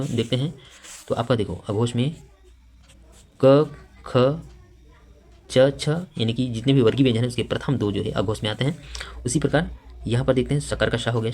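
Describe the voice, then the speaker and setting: A man teaching an exam-prep grammar lesson in a voice of ordinary pitch for a man. He reads each question and its options aloud, then explains the answer step by step. His delivery is unhurried and conversational, with frequent fillers. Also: darkish tone.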